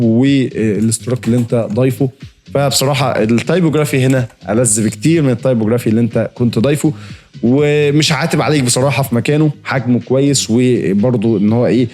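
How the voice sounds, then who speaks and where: Fast-talking Egyptian man critiquing designs. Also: mid-range voice, a little mellow. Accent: Egyptian Arabic. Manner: rapid, chatty, lots of fillers and friendly asides. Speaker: design reviewer host.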